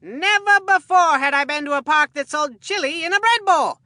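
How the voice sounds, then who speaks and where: In a dry recording, a woman with a high voice plays a cartoon game's eager young baseball announcer who loves food. She delivers the lines at a moderate pace with homespun, sincere showmanship.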